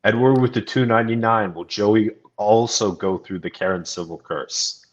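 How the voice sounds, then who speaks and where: A laid-back podcast co-host with a fairly low voice who chats casually and laughs along with the host. His sound comes through dull and lo-fi, like a remote connection. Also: normal speed. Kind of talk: casual livestream podcast chat.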